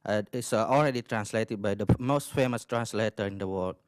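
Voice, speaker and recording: A man's voice: fairly low pitch, brisk, smooth, no echo, studio quality. A man in his twenties from Indonesia, a native Indonesian speaker, chatting loosely at an open mic in a library meeting room. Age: 20s. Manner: chatty with restarts and laughs. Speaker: visiting writer. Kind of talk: casual open-mic remarks.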